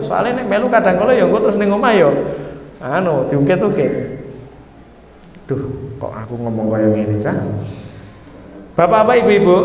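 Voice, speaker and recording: A man's voice: sits high, a little mellow. A man with a Javanese accent preaching a sermon in a joking, chatty way, often turning to the audience. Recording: echoey hall with faint noise.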